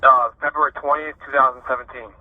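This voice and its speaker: A man in his thirties from Ohio, a prison inmate calling on a prison phone and telling his story in a halting way, with many fillers and restarts. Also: medium pitch, fairly even intonation, no room sound. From Ohio, USA. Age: 30s. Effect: heard over a prison phone line. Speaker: prison inmate being interviewed. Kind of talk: candid personal account. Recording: tinny prison phone line.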